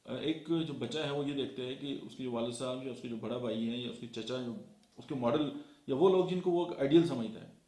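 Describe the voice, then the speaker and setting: A man's voice: mid-range voice, fairly quick, mellow. A man from Pakistan giving a motivational talk, lecturing and counting off his points one by one with frequent fillers. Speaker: motivational speaker. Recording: echoey room.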